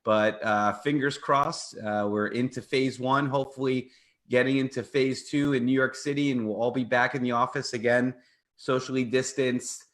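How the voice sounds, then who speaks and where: A man's voice: mid-range voice, fairly even intonation, normal speed, fairly bright tone. A man hosting a live legal radio show, talking in upbeat promotional patter. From United States. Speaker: host, personal injury attorney.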